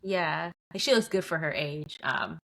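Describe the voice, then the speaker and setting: A woman co-hosting a podcast, sharing firm takes on a reality show in easygoing conversation. Her voice is on the lower side. She presses her points with rhetorical questions. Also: animated, a little slow, creaky, fairly bright tone. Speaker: podcast co-host. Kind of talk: casual recap chat.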